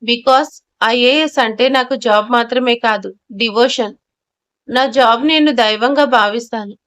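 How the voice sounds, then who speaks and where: A confident, lecturing woman officer stands her ground in court, as a female storyteller reads her lines. She speaks firmly in a fairly high voice and drops in English phrases. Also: measured pace, fairly bright tone.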